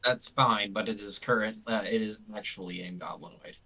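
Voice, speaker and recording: A man narrating as game master of a tabletop game, halting and full of restarts. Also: on the low side, fairly even intonation, bright, forceful tone, poor audio.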